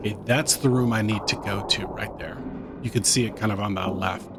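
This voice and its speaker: This let's-play has a man tensely narrating his horror game under his breath, addressing both himself and the viewer. The YouTuber's voice is fairly low and a little fast, with fairly even intonation and some background noise.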